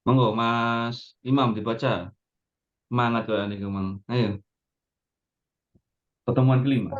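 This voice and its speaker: A man leads an Arabic lesson over a video call at an ordinary pitch. He corrects a student's intonation by saying the phrases back to him. The sound is dull and lo-fi. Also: steady tone, measured pace. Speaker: Arabic teacher. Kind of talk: online Arabic class.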